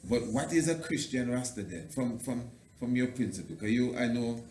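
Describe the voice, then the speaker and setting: A man's voice: medium pitch, expressive, moderate pace, a little mellow. A man interviewing in Rastafarian speech, using "I and I" phrasing and circling his way through long, repeated questions. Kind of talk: interview, casual theological discussion. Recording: roomy echo, faint background noise.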